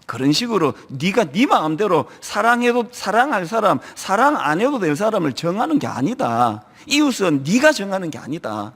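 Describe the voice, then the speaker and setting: A middle-aged man from the region preaching a sermon, lively and acting out church members in quoted asides. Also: high voice, moderate pace, hardly any pauses. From Gyeongsang region, Korea. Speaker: pastor. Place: large church sanctuary. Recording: long hall reverb.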